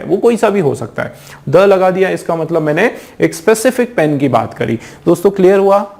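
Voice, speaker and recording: A man teaches English grammar in an exam-prep lecture. He explains patiently, often asks his students questions and reads the English examples out slowly. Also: on the high side, darkish tone. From India.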